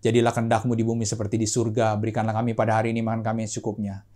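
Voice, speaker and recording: A man serving as pastor, preaching with rising emphasis and then leading a steady prayer, often calling out to his listeners and to God. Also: on the low side, racing. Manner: animated preaching, often adding "saudaraku" and "gitu"; softer, steady prayer voice, repeating "Tuhan". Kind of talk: sermon and prayer.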